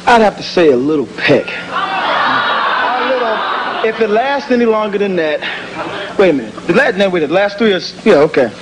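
A man with a high voice gives hesitant, unscripted answers as a game show contestant. The audience and studio noise are clear around him. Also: sing-song, fast, a loud crowd.

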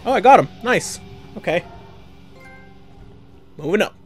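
Young male let's-player, slightly high voice, reactive and mumbly, with game music playing clearly underneath. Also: lively intonation, a little slow. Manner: reactive, groans and mutters at setbacks. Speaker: let's play gamer. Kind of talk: casual gameplay commentary. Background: game music and sound effects.

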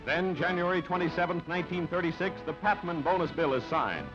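A man reads scripted newsreel narration fairly quickly in a voice on the high side, clipped, punchy and dramatic. The recording is a dull, band-limited old newsreel soundtrack, and music plays underneath.

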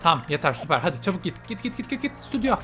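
A man giving excitable let's play commentary, reacting loudly to events and mixing English phrases into his talk. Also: high voice, quick pace, faint music behind. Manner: excitable, squeals and laughs at game events, mixes in English phrases. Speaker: gaming channel host.

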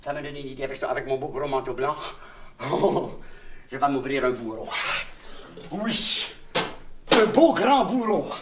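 Close to his everyday voice, the Québécois comedian speaks mid-range with lively intonation, unhurried and pausing often. Playing a naive, childlike clown vagabond, he rambles confidingly in a comic monologue of mangled words and puns, on an old LP that's noisy, distant and echoey.

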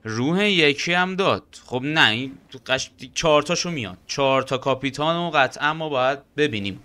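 A young man giving excited, slangy gameplay commentary, shouting and bantering at enemies as he fights. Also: a little high, smooth. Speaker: gameplay streamer.

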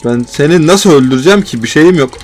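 A man with a Turkish accent giving excitable live commentary while playing a survival game, swinging between panicked yelps and exasperated complaints. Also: a little high, fast talker, soft background music. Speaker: gaming YouTuber.

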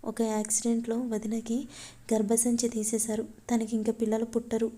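A woman's voice: a little high, monotone, moderate pace, mellow, lightly acted. A woman voicing a sad young woman worried about her family.

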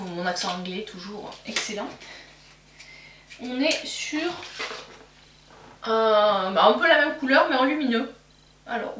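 A woman's voice: on the high side, a bit bright, slight background noise. A woman chatting casually through a makeup haul, self-mocking and full of fillers, recorded in a roomy space a little away from the mic. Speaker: beauty vlogger. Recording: roomy, somewhat distant mic.

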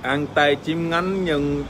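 An Australian man, native English speaker, joking crudely with fans in casual livestream chat, halting with fillers and swearing playfully. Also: on the high side, noisy background. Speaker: livestream host. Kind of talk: casual livestream chat reading fan comments.

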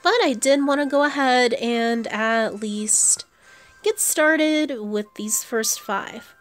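A woman thinks aloud as she casually comments on her own gameplay, with video game music playing behind her. Her voice is on the high side and she speaks slowly.

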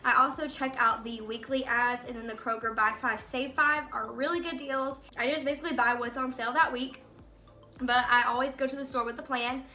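This young mother's high-pitched voice is steady in tone, a little fast, pushed and bright, with a bit of hiss or hum on the audio. A family vlogger, she chats casually to the camera in her home kitchen for a grocery haul, rambling slightly.

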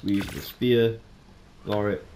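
A man's voice: lowish voice, measured pace. Chatty man, roomy echo. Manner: chatty, excitable, with sudden startled yelps. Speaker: game streamer. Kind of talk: casual let's-play commentary. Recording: roomy echo, faint noise.

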